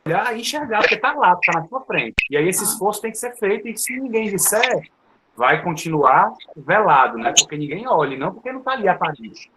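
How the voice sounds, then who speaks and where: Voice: medium pitch, sing-song, fairly quick. A co-host in a casual panel chat, reflective, building a point step by step. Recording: noisy call audio.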